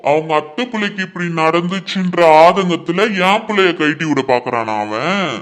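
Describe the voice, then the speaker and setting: A man's voice: sits high, normal speed. A man doing an indignant middle-aged uncle. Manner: loud, indignant. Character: angry middle-aged uncle, bride's father.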